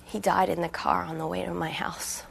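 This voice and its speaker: A woman's voice: fairly low pitch, little pitch movement, moderate pace, creaky, slight background noise. An actress playing a tired young female medical resident who talks in a strained way. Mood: bitter.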